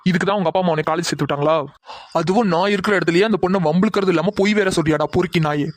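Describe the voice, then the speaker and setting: A man's voice: sits high, racing, no echo, lightly acted. A man voicing an angry scolding college senior. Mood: furious. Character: stern heroic male college senior, protective. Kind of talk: cartoon drama voice acting.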